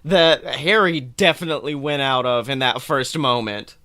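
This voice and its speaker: A man hosts a podcast, talking casually before ranting about a movie with animated, sweary exasperation played for laughs. He speaks at medium pitch and normal speed, and there is no echo.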